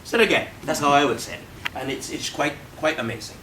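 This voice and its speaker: A man's voice: fairly high pitch, lively intonation, fast talker, bright, forceful tone. A man from Barbados with a Barbadian accent, a vicar giving a humorous talk to a club audience with quoted voices. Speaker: guest speaker and vicar. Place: club meeting room. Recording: distant mic, faint background noise.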